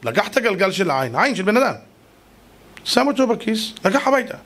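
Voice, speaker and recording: A man, a rabbi, telling a story in a lively sermon, slangy and addressing his listeners directly. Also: high-pitched. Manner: animated, slangy, talks to the audience. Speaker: rabbi, preacher.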